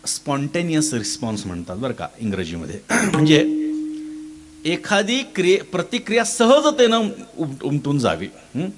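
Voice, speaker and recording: A middle-aged man preaching a storytelling sermon in Marathi style, acting out each character's lines with sudden jumps in pitch and clearing his throat now and then. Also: very animated, moderate pace. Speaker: kirtan preacher.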